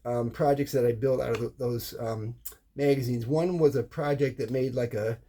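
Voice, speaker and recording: Unscripted and casual, a middle-aged or older American man explains things as a hobbyist would, stumbling, repeating words and restarting lines. His pitch is medium, his intonation fairly even, and his tone warm.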